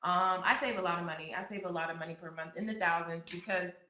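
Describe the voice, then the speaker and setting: A woman's voice: lowish voice, quick pace, sharp tone, a little hiss or hum. Chatty woman in her thirties, echoey room. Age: 30s. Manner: chatty, with many fillers and restarts, turning emphatic when giving advice. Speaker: podcast host. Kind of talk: casual advice monologue. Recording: echoey, slightly dull sound.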